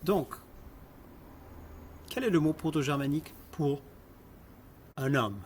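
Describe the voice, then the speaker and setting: A man's voice: on the high side, expressive, takes it slowly, a little hiss or hum. A man lecturing on linguistics, explaining step by step, asking the class questions and repeating example words.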